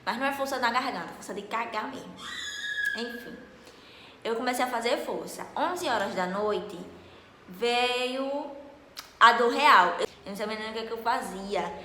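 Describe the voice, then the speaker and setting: A young woman, casually telling a story to camera in an animated, dramatic way. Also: on the high side, normal speed, noisy background. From Northeast Brazil. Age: late teens. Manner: animated, dramatic, acts out dialogue loudly. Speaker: vlogger. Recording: echoey room with long reverb.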